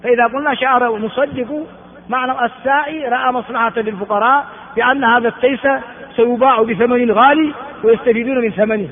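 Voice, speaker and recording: A man giving a classroom lecture explaining hadith, asking his listeners rhetorical questions as he teaches. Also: extremely high pitch. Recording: tinny phone-like recording in a hall.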